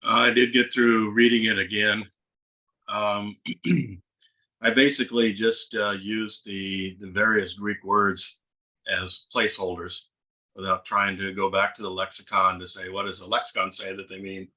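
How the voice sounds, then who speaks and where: A man taking part in a casual seminar discussion over a video call, speaking haltingly with frequent pauses and fillers. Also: on the low side, little pitch movement, bright, forceful tone, low-quality recording. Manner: halting, hesitant, frequent uhs. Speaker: seminar participant.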